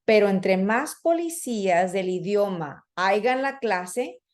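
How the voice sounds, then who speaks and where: Slow but animated, a woman's mid-range voice with a slightly mellow quality guides teachers through a professional development talk. An early childhood educator and trainer, she speaks conversationally, using fillers and acting out children and teachers.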